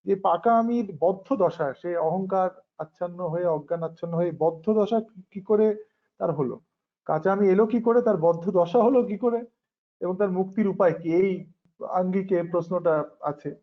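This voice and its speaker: A man with a Bengali accent posing thoughtful questions in a philosophical discussion, pausing with hesitant fillers. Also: high voice. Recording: dull lo-fi recording.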